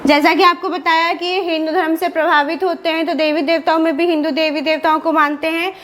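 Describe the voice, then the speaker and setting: A woman with an Indian Hindi accent teaches an exam-prep class in a very high, fairly bright voice that barely moves in pitch, keeping a brisk pace. She asks questions and answers them herself, repeating key terms as she revises the material.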